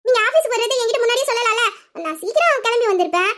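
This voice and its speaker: A woman playing a playful, mischievous young wife in an audio drama, chatty and boastful, sometimes dropping to a hushed scheming tone. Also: very high voice, animated, very fast. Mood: apologetic. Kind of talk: Tamil audio drama acting.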